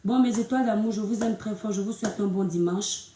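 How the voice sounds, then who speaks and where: A woman chatting casually to her followers in a live video from her bedroom, animated and sometimes speaking softly. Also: medium pitch, a little fast, distant mic, slight background noise. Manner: chatty and animated, addresses viewers as her stars; speaks softly at times so as not to disturb her husband. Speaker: social media vlogger. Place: bedroom at home, indoors. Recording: roomy echo, voice a bit off-mic.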